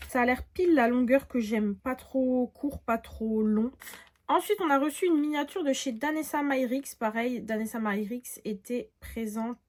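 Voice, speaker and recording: A woman's voice: on the high side, normal speed, darkish tone. A woman in her late twenties giving a casual beauty haul vlog, chatty with frequent filler sounds as she shows products. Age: 20s. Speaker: beauty vlogger.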